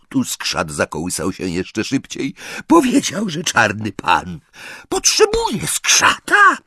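A man reading aloud who voices a wretched old male house-elf, croaking, sobbing and shrieking. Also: fairly high pitch, fairly bright tone, no echo, studio quality, pitched above the performer's own voice, heavily acted.

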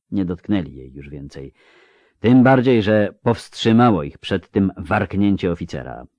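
Deep-voiced man reading a storybook. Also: no echo, clean studio sound. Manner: expressive, dramatic reading. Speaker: audiobook reader. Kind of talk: audiobook narration.

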